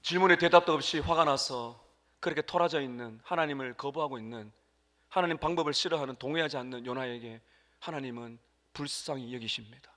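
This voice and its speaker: A man preaching a sermon as pastor, emphatic, jumping between loud exclamations and quiet asides and acting out quoted prayers. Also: medium pitch, a little fast. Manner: acts out quoted prayers and dialogue. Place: church sanctuary. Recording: long hall reverb.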